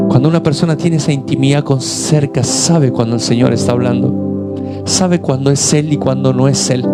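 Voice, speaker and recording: Man preaching a lively storytelling sermon over music. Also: medium pitch. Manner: acts out Bible scenes with voices, lively storytelling. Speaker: pastor.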